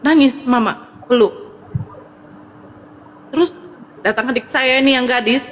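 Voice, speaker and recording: A woman's voice: sits high, unhurried. Woman, heartfelt testimony, acts out dialogue, long reverb, mains hum. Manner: vivid retelling that acts out family dialogue. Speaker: guest giving a testimony. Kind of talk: emotional personal storytelling.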